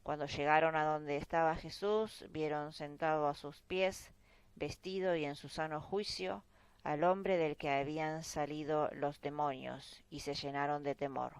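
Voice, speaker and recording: A woman reading a Bible chapter aloud in a slow, measured way. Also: sits low, fairly even intonation, clean tone, dry recording, low-quality recording. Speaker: Bible reader. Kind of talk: scripture reading.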